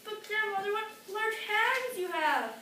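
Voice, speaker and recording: A sweet, polite little girl with a very high, bright voice, as a woman puts her on. She sounds far off in an echoey room, with a faint hiss. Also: animated, a little slow, heavily acted. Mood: wondering.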